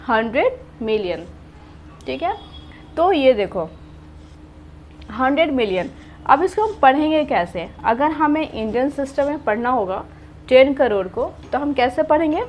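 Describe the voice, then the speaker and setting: A woman with a high voice teaches at an unhurried pace, counting out number places one at a time. She asks a question and then answers it herself, repeating each step. Faint room noise sits behind her. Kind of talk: classroom math lesson.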